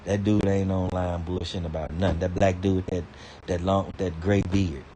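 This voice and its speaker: The vlogger's delivery is flat, at normal speed, with a dark tone and slight background noise. He rants casually to camera, cursing a lot, stammering and repeating himself, though his pitch jumps high when he becomes indignant.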